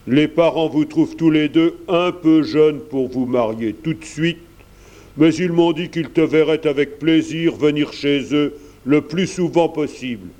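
Man voicing a kind old gentleman benefactor. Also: fairly high pitch, unhurried, close to an everyday voice. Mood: kindly. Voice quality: gentle, reassuring. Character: kindly older gentleman painter, warm benefactor.

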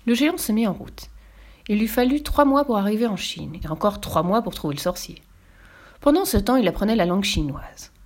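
Woman storyteller, lively playful read-aloud, mid-range voice. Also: medium pitch, a little fast. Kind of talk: storybook reading.

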